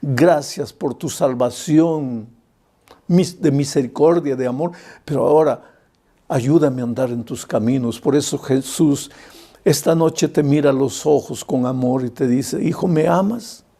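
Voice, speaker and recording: A man's voice: medium pitch, steady tone, a little slow, dark tone. A man preaching a sermon with passion, acting out short dialogues as he tells a story. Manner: impassioned preaching, acts out dialogue. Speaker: pastor.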